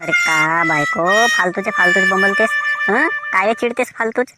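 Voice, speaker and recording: A woman's voice: mid-range voice, a little fast, heavy background noise, lightly acted. A woman voicing a lazy, stubborn village husband in a Varhadi Marathi accent, talking in a grumbling, dismissive way. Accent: Vidarbha Marathi (Varhadi). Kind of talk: cartoon voice acting.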